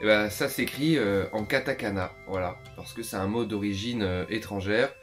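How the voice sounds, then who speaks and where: A man's voice: on the low side, moderate pace, a bit bright, soft background music. Chatty young man teaching casually. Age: 20s. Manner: chatty, many fillers, addresses viewers directly. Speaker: language teacher. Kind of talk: casual spoken lesson.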